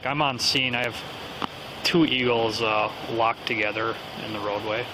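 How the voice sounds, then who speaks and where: A man's voice: medium pitch, steady tone, unhurried. A man, a police officer, giving a brief report over a police radio, heard in body camera video. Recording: noisy body camera audio.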